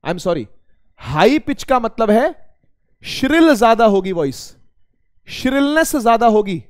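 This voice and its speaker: High-voiced male teacher, dry sound. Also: big pitch swings, a little slow, dry recording. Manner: addresses students as beta, asks and answers his own questions. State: slightly strained throat. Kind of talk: casual spoken physics lesson.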